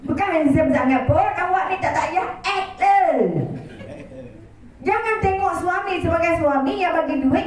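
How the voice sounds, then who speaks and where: Malaysian woman preaching in an echoey hall. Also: very high-pitched. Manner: dramatic, swings between loud and hushed, prayerful. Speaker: religious lecturer. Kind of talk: sermon. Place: prayer hall. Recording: echoey hall from far off, faint noise.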